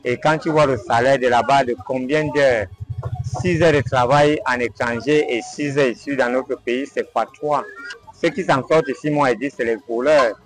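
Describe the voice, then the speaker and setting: A man's voice: mid-range voice, steady tone, normal speed, soft background music, low-quality recording. A young man, speaking in an earnest, complaining way in an outdoor interview. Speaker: street interviewee. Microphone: lapel.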